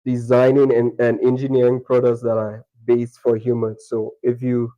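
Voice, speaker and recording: A young man from Liberia talks over a video call as an interview guest. His voice is mellow and warm, and he speaks in a chatty way, often restarting his sentences. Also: medium pitch, monotone, moderate pace, low-quality recording. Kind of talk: remote interview conversation.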